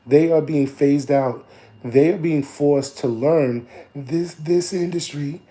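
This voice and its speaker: A man coaches on digital marketing in a casual, preachy live stream, calling his listeners family and repeating his lines. His slightly hoarse voice sits on the high side, slow and dark in tone.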